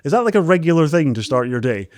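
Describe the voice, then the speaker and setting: A man hosting an interview podcast, energetic and excitable, chatting casually and laughing often. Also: fairly high pitch, fast talker, dry recording, clean studio sound. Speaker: podcast host.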